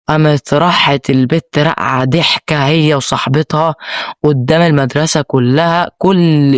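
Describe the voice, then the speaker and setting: Fast-talking Egyptian young man. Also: on the high side, no echo, clean studio sound. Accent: Egyptian Arabic. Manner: emotional, rambling with many restarts. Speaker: vlogger. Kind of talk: personal storytelling.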